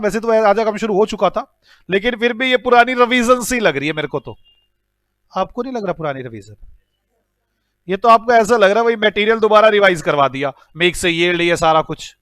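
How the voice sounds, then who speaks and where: A man's voice: high-pitched, no echo. An Indian man with an Indian accent teaching an accounting class, telling stories with mock scolding. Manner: animated storytelling with mock scolding. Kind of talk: classroom lecture.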